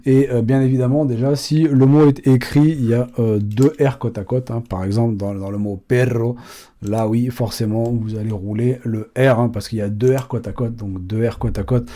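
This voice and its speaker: Casting: man, mellow low-bright voice, casual rambling language teacher full of fillers. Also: fairly even intonation, moderate pace. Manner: rambling, many fillers and restarts. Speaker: Spanish teacher. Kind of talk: casual online language lesson.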